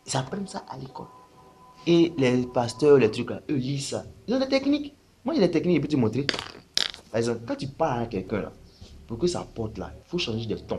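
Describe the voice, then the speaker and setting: Animated man explaining in casual chat. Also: mid-range voice. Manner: animated, rhetorical questions. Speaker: spiritual teacher.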